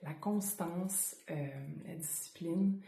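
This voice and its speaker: A woman with a Quebec French accent teaching yoga breathing informally, speaking unscripted with frequent hesitant pauses. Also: lowish voice, fairly even intonation, mellow. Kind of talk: informal guided breathing lesson to camera. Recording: roomy, echoing indoor sound.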